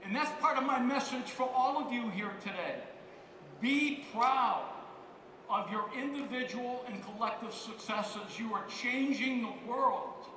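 A man's voice: very high voice, unhurried, sharp tone, slight background noise. A man giving an emphatic motivational keynote on a conference stage, repeating key phrases. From United States. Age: 50s. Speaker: keynote speaker. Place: large conference hall on stage. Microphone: headset mic. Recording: roomy hall reverb, heard from far off.

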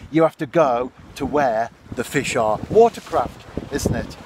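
Perched on seaside rocks, a fishing vlogger in his fifties holds his phone at arm's length and chats unhurriedly to viewers about his day. His voice is medium in pitch and a little slow, with background noise behind him.

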